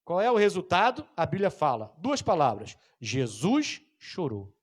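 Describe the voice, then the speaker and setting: A male pastor delivering an animated sermon in a fairly high voice that swings widely in pitch. He acts out the story scenes and turns to the congregation for amens. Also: moderate pace.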